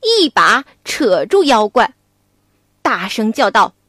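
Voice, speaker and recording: Brief: woman narrating a kids' story, high and unhurried, dry close studio sound. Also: no echo. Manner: slow, expressive, animated narration. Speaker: children's storyteller. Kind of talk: storytelling for children.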